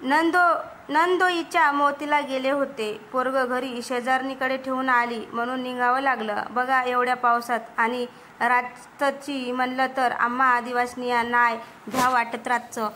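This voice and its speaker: Woman doing a mysterious village lady, rustic talk, high voice, sure of herself. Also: level tone, a little slow, bright, forceful tone, slight background noise. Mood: calm. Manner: rustic village dialect, coaxing and self-assured. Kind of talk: storybook reading.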